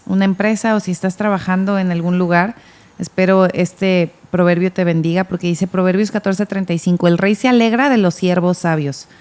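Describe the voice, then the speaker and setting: A woman's voice: on the low side, steady tone, fairly quick, a little mellow, clean tone. Earnest woman discussing scripture. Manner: earnest, reads from her notes, repeats words when starting. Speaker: podcast co-host. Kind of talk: casual Bible discussion.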